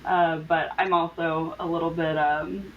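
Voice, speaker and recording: A young woman with a fairly low voice answers interview questions over a video call. She explains in a steady way, and her audio comes through a little muffled. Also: measured pace, slight background noise. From born in Croatia, raised in the US Midwest. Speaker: guest, organizational consultant.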